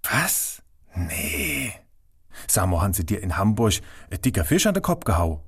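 A man's voice: on the low side, very animated, unhurried, husky, heavily acted. A man voicing a stubborn middle-aged craftsman father who speaks in a broad Saarland dialect, blunt and theatrical. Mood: impatient. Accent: Saarland German.

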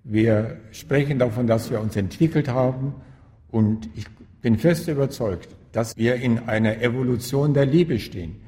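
A man answering interview questions as a spiritual teacher and author, calm and emphatic, repeating key phrases for stress. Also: mid-range voice, normal speed, big-room sound.

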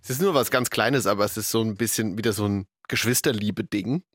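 A man in his thirties co-hosting a casual podcast, relaxed and easygoing. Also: lowish voice, fast talker, dry recording, studio quality. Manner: relaxed, lots of agreeing murmurs. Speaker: podcast co-host. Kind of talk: casual chat.

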